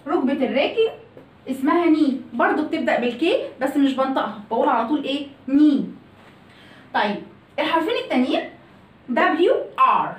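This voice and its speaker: A high, quick-talking woman with an Egyptian Arabic accent runs a pronunciation lesson. She keeps firing questions at her class and answering them herself. The sound is roomy and echoey, as if the mic sits some distance away. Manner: animated, asks and answers her own questions. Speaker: English pronunciation teacher. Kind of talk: lively video lesson.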